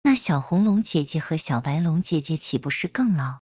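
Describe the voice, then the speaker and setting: A woman's voice: deep voice, expressive, moderate pace, a little mellow, no room sound. A woman reading a story aloud, voicing a cheeky, playful young man who wheedles and teases.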